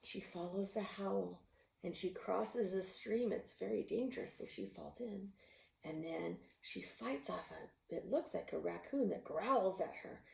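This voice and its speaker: Gravelly woman reading a picture book aloud. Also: medium pitch, unhurried. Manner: expressive, with gasps and animal sounds; drops to a whisper at tense moments. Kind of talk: storybook read-aloud. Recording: roomy echo.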